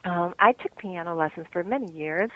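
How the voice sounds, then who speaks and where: An American woman author with a lowish voice is interviewed at normal speed. She reflects thoughtfully, searching for words and laughing often, and the recording is muffled with a little hiss or hum.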